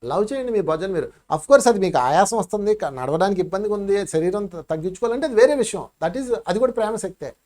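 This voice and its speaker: A meditation teacher in his fifties gives a spiritual talk, telling stories animatedly and quickly. His loudness swings sharply, dropping low and then rising loud again.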